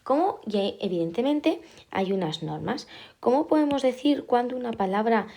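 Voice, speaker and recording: A woman teacher, patiently explaining a lesson and repeating key words slowly. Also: a little high, lively intonation, mellow. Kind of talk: classroom explanation.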